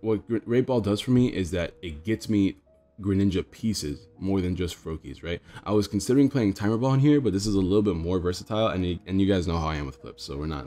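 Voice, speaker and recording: Giving casual deck tech commentary, a young streamer with a stuffed-up nose explains his card deck and rambles on, addressing viewers as guys. His voice sits low and has a warm tone.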